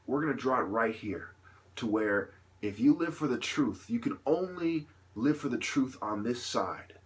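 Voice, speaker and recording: Speaking off the cuff in a fired-up vlog, this man gives his opinions in a mid-range, animated voice. He stumbles between phrases, circles back to the same points, and poses rhetorical questions.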